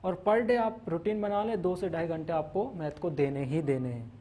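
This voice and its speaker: On the high side and mellow, this man's voice keeps a moderate pace as he gives a classroom maths lecture. He lists the topics, breaks them down step by step, uses English terms, and regularly asks "theek hai na" to check on his students.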